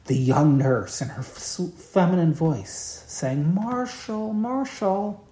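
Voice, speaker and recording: Emphatic low-voiced woman teaching Torah. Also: takes it slowly, warm tone, a little hiss or hum. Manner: emphatic, impassioned, repeats key words. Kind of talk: evening Torah lecture. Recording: roomy, echoey room.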